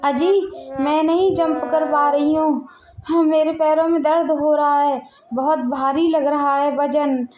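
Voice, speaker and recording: Woman doing a whiny wife grumbling about it all, high voice, muffled lo-fi recording. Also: level tone, a little slow. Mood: sulky complaining. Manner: whining, grumbling. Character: put-upon heavy wife, sulking and complaining.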